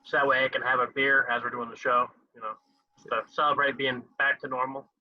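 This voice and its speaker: A man's voice: mid-range voice, level tone, a little fast. Young man joking over muffled remote audio. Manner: joking, laid-back banter. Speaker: podcast co-host. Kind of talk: casual chat.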